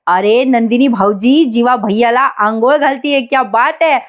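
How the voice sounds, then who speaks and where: A woman's voice: on the high side, normal speed, natural voice. A woman voicing a cheeky, playful young man in a soap. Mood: teasing. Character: cheeky young man, Hindi-mixing joker.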